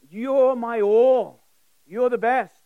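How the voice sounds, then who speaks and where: Speaking slowly in a very high, smooth, steady voice, a South African man born in England delivers an emphatic, conversational sermon. He poses direct questions, repeats key phrases, and tells personal stories, captured in narrow, tinny audio without echo.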